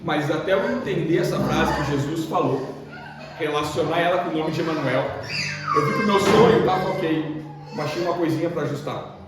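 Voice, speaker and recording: Young brazilian man, sermon, animated, asks the congregation, slightly high voice, far-off echoey hall, guitar behind. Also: a little fast. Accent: Brazilian Portuguese. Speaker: preacher. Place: church hall.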